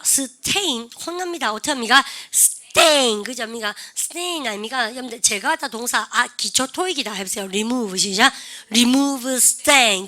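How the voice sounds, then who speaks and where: A woman's voice: on the high side, bright, forceful tone. A woman teaching English and leading her class in repeat-after-me drills, coaxing and calling out cues.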